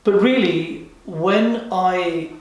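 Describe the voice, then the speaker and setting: A man born in Kenya and raised in England, answering interview questions in a measured way with frequent pauses. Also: sits high, recorded from a distance. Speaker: guest, life and business coach. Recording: very echoey room, away from the mic.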